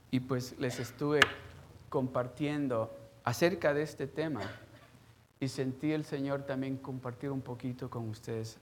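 Man pastor, middle-aged, easy storytelling sermon voice that builds into loud, emphatic preaching; mid pitch. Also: slight background noise.

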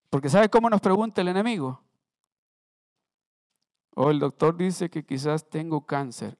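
A man's voice: on the high side, a little mellow, dry recording, studio quality. A man preaching in church, talking to the congregation conversationally, asking them questions and mixing in English words. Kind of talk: Sunday sermon.

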